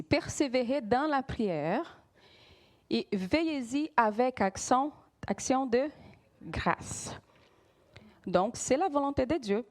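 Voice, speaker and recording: A woman's voice: fairly high pitch, a little mellow. A woman from Brazil with a Brazilian accent, preaching a sermon in a church and often checking that her congregation follows her. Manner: engaging, quizzes the congregation, repeats key words.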